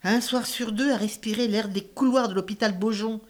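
A woman's voice: medium pitch, steady tone, moderate pace, close to an everyday voice. An actress playing an irritable, bored woman in a stage-play dialogue, speaking in clipped, insistent, repeated phrases. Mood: weary, resigned. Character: restless, irritable, bored woman fed up with theatre and hospital visits.

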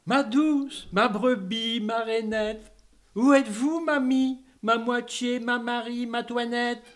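A man's voice: very high voice, fairly even intonation, slow pace. A man playing a pampered, petulant, childish king in a comic sketch, sing-song and capricious. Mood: doting.

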